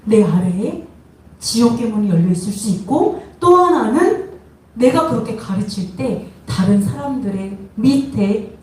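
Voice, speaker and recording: A woman's voice: mid-range voice, dark tone. Preaching woman, echoey and distant. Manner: asks the congregation questions and acts out quoted voices. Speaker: pastor. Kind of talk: sermon. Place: worship hall. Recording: echoey room from far off, faint noise.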